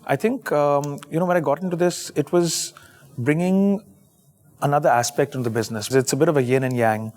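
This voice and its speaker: A man with an educated Indian accent giving measured, well-spoken, conversational answers as an interview guest. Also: a little high, a little mellow. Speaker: interview guest, business executive.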